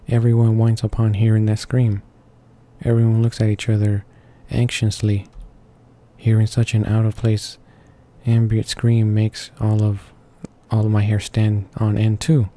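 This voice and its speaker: A video game let's player reads a visual novel's narration aloud, stumbling a little over the words. His voice is on the low side and warm, with faint music in the background.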